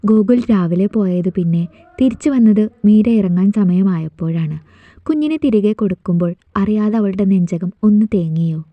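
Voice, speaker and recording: A woman's voice: mid-range voice, expressive, normal speed, no room sound, narrow, tinny audio. Woman narrating a romance story.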